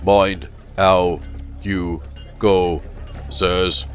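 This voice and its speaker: An actor playing a sinister, possessed constable with a monotonous, expressionless, rattling voice. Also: male voice, sits low, extremely slow, faint music behind. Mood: menacing.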